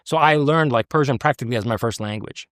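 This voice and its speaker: A man from the US, appearing as an interview guest, speaks fast in a mid-range, slightly bright voice. He's emphatic and sincere but keeps restarting what he says. The conversational interview is recorded cleanly in a studio with no room sound.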